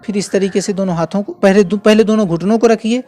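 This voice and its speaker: A man giving a patient, step-by-step spoken lesson, repeating key phrases slowly and carefully. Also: sits high, steady tone, mellow, slight background noise. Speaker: religious instructor. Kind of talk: instructional demonstration.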